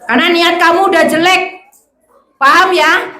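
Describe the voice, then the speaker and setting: A woman giving a lively classroom lesson to children as a religious teacher, often quizzing and hushing the pupils. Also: very high-pitched, normal speed. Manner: lively, calls out to hush and question pupils. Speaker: religious teacher at a school Ramadan camp. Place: school hall with children. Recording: echoey hall with background noise.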